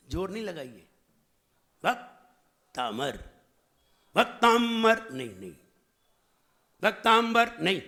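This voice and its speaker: Emphatic high-voiced male Hindi preacher. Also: fairly bright tone. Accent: Hindi, central Indian. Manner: emphatic, repeats and drills the audience with questions. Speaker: Jain monk teaching recitation. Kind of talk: sermon teaching pronunciation. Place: lecture hall at a training camp.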